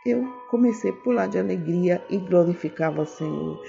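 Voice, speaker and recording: A woman's voice: moderate pace, creaky, warm tone. A woman giving an emotional testimony and sermon, repeating phrases fervently. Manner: fervent, repeats phrases, voice climbs high when moved. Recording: dull lo-fi recording with faint music.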